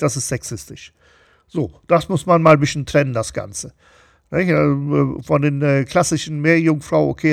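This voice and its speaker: A man's voice: a little high, vocal fry, dry recording, studio quality. A middle-aged man co-hosting a casual chat podcast, talking loosely with lots of fillers and tag questions. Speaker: podcast co-host.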